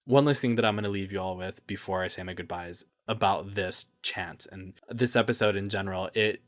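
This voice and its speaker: A man's voice: low voice, fairly quick. A man hosting a personal podcast, speaking in an earnest, reflective, openly emotional way with loose, rambling asides. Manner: loose, rambling asides between read passages. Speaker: podcast host.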